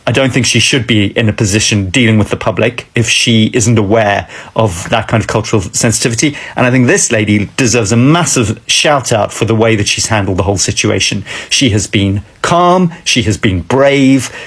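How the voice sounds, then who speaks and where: A man's voice: on the low side, a bit bright, slightly rough. A South African man in his forties, speaking earnestly and a bit wryly straight to a phone camera. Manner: earnest, wry, direct to camera. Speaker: commentator. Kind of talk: casual chat. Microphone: phone camera close up.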